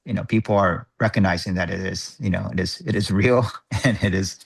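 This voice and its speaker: A man chairing an online work group meeting, thinking aloud in a halting, measured way over a video call microphone. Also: low voice, creaky, husky.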